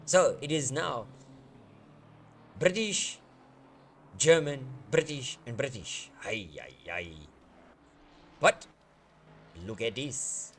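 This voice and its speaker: A man giving playful, excitable live commentary on a sim race, joking and swearing as the action unfolds. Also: mid-range voice, slow, long pauses, slight background noise. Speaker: sim racing commentator, streamer.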